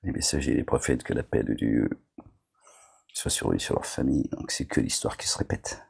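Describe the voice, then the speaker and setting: A man's voice: rumbling low, brisk, vocal fry, a little mellow, husky. A man delivering a rambling, agitated monologue to his viewers, scolding them as a self-styled preacher, with constant verbal tics.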